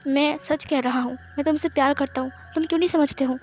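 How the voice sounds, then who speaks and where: A woman's voice: high-pitched, steady tone, brisk, natural voice. A woman voicing a lovesick young woman who pleads and presses with questions, in a read-aloud fan story. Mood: pleading.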